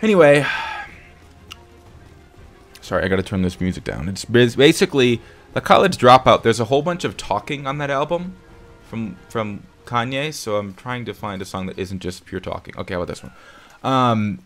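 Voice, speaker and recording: A man's voice: medium pitch, lively intonation, moderate pace, a bit bright, faint music behind. A young man hosting a casual live stream, talking in an upbeat, rambling way that often corrects itself. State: hiccuping.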